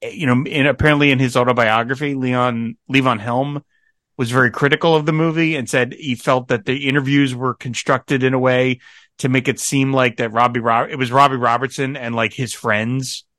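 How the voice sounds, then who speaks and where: A man hosting a podcast, chatting casually and telling rambling, animated stories with lots of fillers. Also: medium pitch, normal speed, no room sound, studio quality. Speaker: podcast host. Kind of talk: casual chat.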